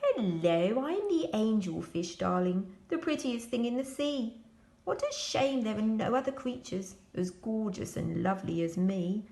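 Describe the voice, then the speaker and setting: A woman's voice: medium pitch, lively intonation, a little slow, mellow, echoey room. A woman voicing a vain, preening angelfish from a children's picture book, with an affected, self-admiring manner.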